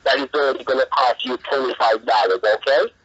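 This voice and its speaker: A man working as a telemarketer, reciting a scripted pitch in a rushed, insistent, repetitive manner over the telephone. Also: fairly even intonation, a bit bright, a little hiss or hum. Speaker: telemarketer (scam caller). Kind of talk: scripted phone sales pitch. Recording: muffled telephone call audio.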